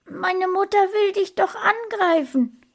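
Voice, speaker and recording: Woman voicing a panicked young boy, shrill shouts, audiobook. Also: slow pace, exaggerated voice. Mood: desperate. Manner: high, urgent, shouting.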